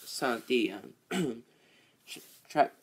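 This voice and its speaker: A man hosting a casual, rambling vlog, halting and repeating his phrases as he goes. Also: mid-range voice, sing-song, breathy edge. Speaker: video host, toy train hobbyist.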